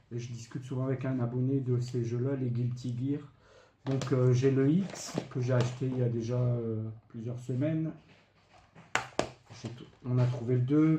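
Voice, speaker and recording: Medium in pitch and dark in tone, a retro game collector vlogger casually shows off his purchases. He chats through each item and its price with lots of fillers, in an echoey room with faint noise in the background.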